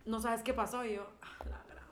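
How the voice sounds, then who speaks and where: A woman's voice: fairly high pitch, level tone, moderate pace, a little hiss or hum. A young woman chatting casually as a co-host, blunt and swearing freely as she acts out little quotes. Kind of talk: casual chat. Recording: echoey room.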